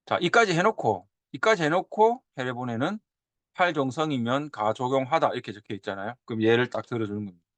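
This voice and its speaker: 활기찬 억양으로 강의하는 남자. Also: male voice, medium pitch, fast talker, no echo. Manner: animated, drawls and repeats example sounds. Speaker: teacher. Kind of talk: lecture on old Korean script.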